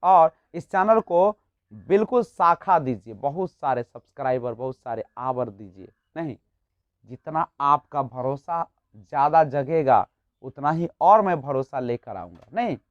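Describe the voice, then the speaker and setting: A man's voice: on the high side, lively intonation, measured pace, no room sound. A man teaching an exam-prep lesson, explaining step by step and posing rhetorical questions to his students. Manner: explanatory, rhetorical questions, frequent tag "nahin". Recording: dull lo-fi, dry.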